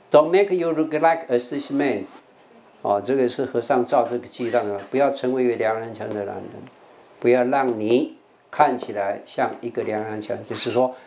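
An older monk from Taiwan with a Taiwanese Mandarin accent teaches an English vocabulary class, repeating words so students can drill pronunciation while he coaxes them along. His voice is mid-range with a darkish tone.

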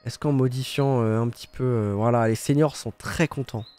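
A man's voice: mid-range voice, normal speed, darkish tone. A young man giving casual, joking commentary as he plays a game, sarcastic, swearing freely and humming little sound effects. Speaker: gaming streamer. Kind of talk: casual let's-play commentary.

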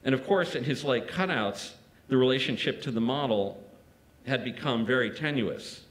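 A man giving a prepared art-history lecture in a museum, measured, with small restarts and asides. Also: medium pitch, low-quality recording. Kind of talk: reading a prepared lecture aloud.

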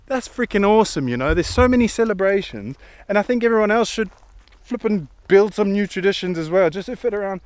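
A middle-aged man talks to a handheld phone while walking outdoors. His voice sits a little high and sounds smooth and clear. He chats in an eager, rambling way. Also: animated, fairly quick, dry recording. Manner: chatty, rambling, enthusiastic. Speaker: vlogger. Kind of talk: casual walking vlog. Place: outdoors on a hillside.

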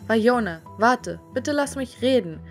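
A woman's voice: on the high side, lively intonation, measured pace, soft background music. Woman playing an earnest lovesick young man. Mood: pleading. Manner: earnest, pleading.

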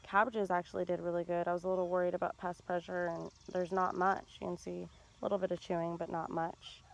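A woman walks through her garden talking into her phone in a relaxed, chatty way, filling pauses with ums. Her voice sits a little low and has a gravelly fry. Insects chirp faintly in the open air around her. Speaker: home gardener vlogger. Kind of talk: casual garden tour narration. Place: outdoor garden. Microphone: handheld phone camera.

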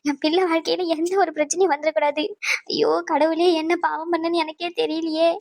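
A woman's voice: very high-pitched, fast talker, a bit bright, dry recording. A woman voicing an older mother-in-law in a cartoon family drama, wailing and accusing.

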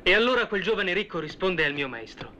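An actor playing an eager male disciple who recounts events to listeners in lively, conversational storytelling with asides, in a 1970s film drama. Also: high voice, a little fast. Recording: dull old film soundtrack with faint hiss.

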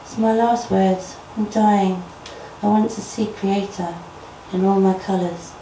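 A woman's voice: medium pitch, fairly even intonation, a little slow, dark tone, a little hiss or hum, lightly acted. A woman voicing a sly male snake who begs weakly, saying he is dying. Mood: begging. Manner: begging, weak. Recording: roomy, voice from a distance.

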